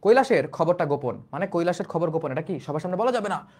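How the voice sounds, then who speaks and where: A man's voice: fairly high pitch, expressive, fast, a little mellow. A young man with a Bangladeshi Bengali accent teaching a class, restating each line in plain everyday words and asking the students rhetorical questions. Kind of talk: explanatory class lecture.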